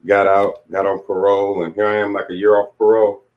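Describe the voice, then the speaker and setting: On dull, lo-fi audio, a man in his late forties, an author being interviewed, relates his life story frankly and thoughtfully in plain language. He talks fairly quickly in a lowish voice that barely shifts in pitch.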